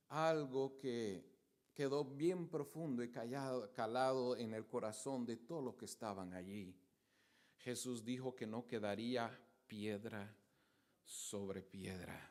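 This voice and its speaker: A man preaching a sermon in a church, telling the story vividly while pointing to projected pictures. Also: sits high.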